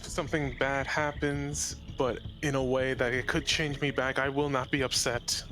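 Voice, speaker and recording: A man's voice: medium pitch, level tone, moderate pace. A man talking casually as a player in a tabletop role-playing game. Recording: music playing behind the voice.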